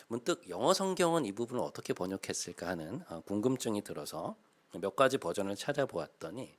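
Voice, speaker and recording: A man in his thirties delivers a sermon as pastor, his fairly low voice moving through a wide, animated range of pitch. He explains patiently, filling pauses with "uh". Then he rises to loud, emphatic calls to his congregation. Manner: explains slowly with many "uh" fillers, rising to loud emphatic calls.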